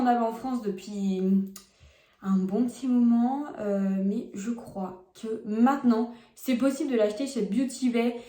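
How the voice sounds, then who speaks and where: A woman's voice: fairly high pitch, dark tone, echoey room. A young woman doing a casual makeup test vlog, talking frankly and chattily to her viewers while she applies products, recorded on a phone at home. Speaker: beauty vlogger. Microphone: phone camera.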